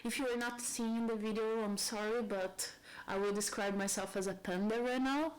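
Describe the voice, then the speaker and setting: A Brazilian woman in her thirties, a YouTuber, thinks aloud in a rambling home vlog, speaking English as a second language with a heavy Brazilian Portuguese accent. She talks at a moderate pace in a fairly high, steady voice, and the recording is rough.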